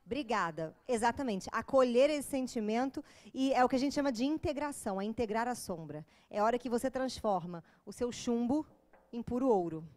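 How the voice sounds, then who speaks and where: A woman's voice: on the high side, expressive, brisk, a little mellow. A woman with a Brazilian Portuguese accent giving an informal, joking lecture to a live audience. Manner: joking, chatty, with acted asides.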